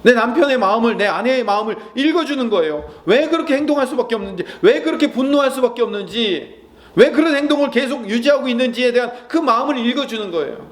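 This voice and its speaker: Male pastor, high voice, preaching a sermon; asks the room questions, softens for comforting lines. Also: animated, quick pace. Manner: asks the congregation questions and answers them; soft, gentle asides when quoting comforting words.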